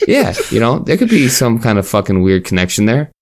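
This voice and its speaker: A man's voice: on the low side, wildly swooping pitch, brisk, a little mellow. A man co-hosting a casual podcast, cracking jokes and swearing freely. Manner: joking, heavy swearing, conspiratorial banter. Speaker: podcast co-host. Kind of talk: casual chat.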